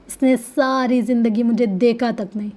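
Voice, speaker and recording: A woman voicing a bitter, vengeful young woman who shouts and then goes cold and clipped, in a storybook reading. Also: fairly high pitch, fairly even intonation, lightly acted. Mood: furious.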